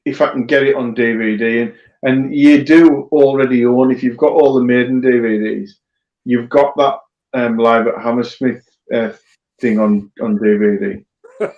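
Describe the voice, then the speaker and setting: A man's voice: medium pitch, fairly even intonation, normal speed. Blunt man, roomy dull sound. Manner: blunt, swears freely. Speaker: co-host. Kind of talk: casual livestream banter.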